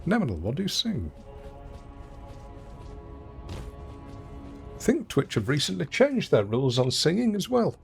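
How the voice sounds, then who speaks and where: Streaming a game from home in a room that isn't soundproofed, a man chats casually with soft music behind him. His voice is a little high and creaky with huge swings in pitch, and he talks slightly slowly with frequent pauses. He is self-deprecating, poking fun at himself while reading out and answering viewers' chat.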